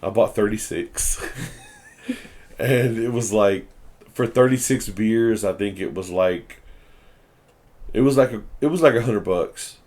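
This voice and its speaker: A man's voice: lowish voice, unhurried, pauses often, darkish tone. A young man hosting a podcast, chatting casually over beers, blunt, profane and rambling. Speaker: podcast host.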